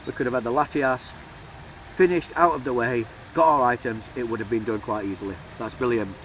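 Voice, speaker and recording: Male vlogger, enthusiastic, rapid-fire delivery, middle pitch. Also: distant mic, slight background noise, low-quality recording. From United Kingdom. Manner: excitable, enthusiastic, talks fast. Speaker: YouTuber. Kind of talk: casual vlog commentary.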